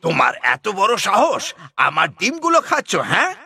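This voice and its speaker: A woman voicing a fretful mother crow in an animated kids' story, scolding and high-strung. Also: fairly quick, exaggerated voice. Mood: angry. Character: anxious mother crow, female, small, shrill.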